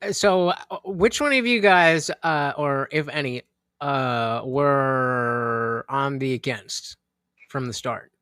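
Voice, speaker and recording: A man's voice: mid-range voice, slow pace, fairly bright tone, clean tone, dry recording, clean studio sound. A man running a casual online debate who asks the others probing questions.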